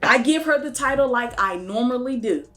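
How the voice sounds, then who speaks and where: A woman's voice: on the high side, normal speed, soft background music. A woman mobile home investor, telling a story straight to her viewers. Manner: animated, talks straight to viewers. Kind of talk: storytelling vlog.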